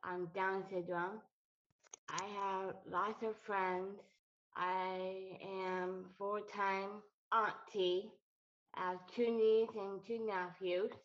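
A woman in her thirties introducing herself in a very slow, deliberate way. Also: medium pitch, little pitch movement, muffled recording. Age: 30s.

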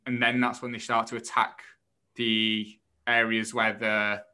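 A man's voice: fairly low pitch, level tone, measured pace, sharp tone. A man co-hosting a podcast, explaining things in casual, somewhat tentative conversation. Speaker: podcast co-host reviewing a book.

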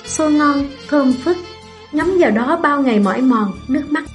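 A woman reading a first-person story aloud in a slow, melancholy way. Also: high voice, lively intonation, faint music behind.

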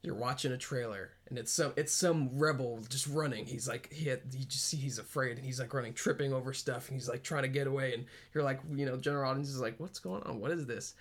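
A man co-hosting a podcast in casual fan chat, talking excitedly and rambling, with frequent laughs. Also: medium pitch, fast, hardly any pauses. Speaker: podcast co-host.

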